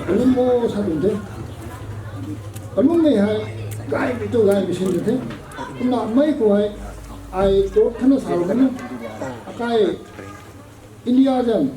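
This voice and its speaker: A man preaching a sermon at a prayer meeting, measured and slow, with English words slipped in. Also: sits high. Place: prayer gathering hall. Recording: echoey hall, voice from a distance.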